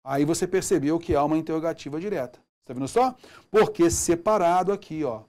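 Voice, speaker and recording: A man's voice: fairly high pitch, fairly quick, a little mellow. A man with a Brazilian Portuguese accent teaching a grammar lesson in a casual, explanatory way. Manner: casual, explanatory, asks himself questions.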